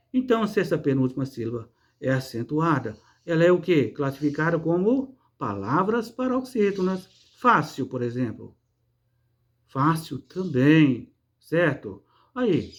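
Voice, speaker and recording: A man's voice: on the high side, highs cut off. A man teaching a lesson on word stress, explaining patiently, asking himself rhetorical questions and answering them, with frequent checking tags. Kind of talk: online class lesson.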